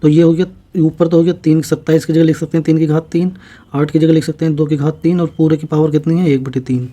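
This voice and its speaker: A man's voice: a little high, little pitch movement, warm tone. A man teaching a maths exam-prep lesson, walking through each step, asking questions and answering them himself. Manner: explains slowly, repeats steps, asks and answers own questions.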